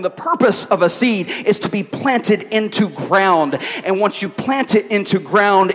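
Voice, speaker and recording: A man preaching a sermon to a congregation, repeating key words, asking rhetorical questions and dropping from loud to hushed. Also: sits high. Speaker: pastor. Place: church hall with an audience. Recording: long hall reverb.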